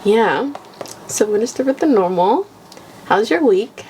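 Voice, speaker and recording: A young woman co-hosts a laid-back podcast, talking bluntly and swearing freely as she animatedly retells her week. Her voice sits at an ordinary middle pitch for a woman. Faint background noise hums under the recording. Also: expressive, unhurried, warm tone, low-quality recording. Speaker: podcast co-host. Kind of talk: casual chat.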